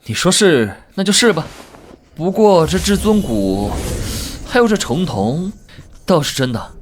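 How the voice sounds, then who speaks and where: A cocky, crude ring spirit. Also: male voice, a little high, sing-song, measured pace, slight background noise. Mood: taunting. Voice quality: brash, mocking, swears under his breath. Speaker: lead character. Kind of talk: animated series voice acting.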